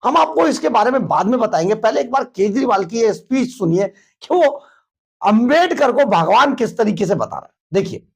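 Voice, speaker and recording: A male news reporter giving emphatic, opinionated on-the-spot political commentary, with hesitations, in a husky voice. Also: very high-pitched, big pitch swings, moderate pace.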